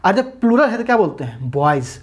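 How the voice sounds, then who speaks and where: With a medium pitch, brisk delivery and wide pitch swings, a woman gives an English grammar lesson for exam preparation. She answers the questions she asks and refers to her audience as brothers and sisters.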